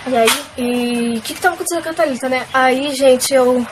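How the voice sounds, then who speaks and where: A woman's voice: high voice, brisk, a little hiss or hum, poor audio. A young woman, emotionally telling viewers a personal faith testimony in a casual, filler-filled way. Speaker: vlogger.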